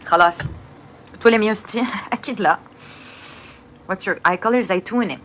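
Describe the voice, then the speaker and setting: A woman's voice: medium pitch, moderate pace, fairly bright tone, a little hiss or hum. Young woman, live streamer, loose chatty delivery, answers viewers between bites, on a phone mic. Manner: chatty, answers viewers while eating, mixes in English. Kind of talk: casual live-stream chat.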